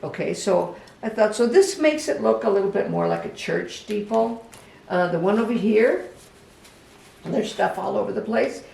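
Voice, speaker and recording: Very creaky, gentle-voiced craft instructor. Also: mid-range voice, animated. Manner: gentle, unhurried, talks to the project. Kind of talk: casual step-by-step demonstration. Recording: echoey room, voice from a distance, faint background hum.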